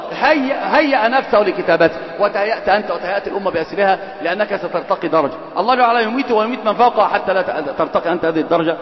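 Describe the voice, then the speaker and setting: A man delivers an Islamic lesson at a rapid clip, moving between formal classical phrasing and colloquial asides. He teases and quizzes his students. His high voice rings through a long, echoey hall on a dull, lo-fi recording. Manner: mixes classical and colloquial speech. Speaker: religious teacher.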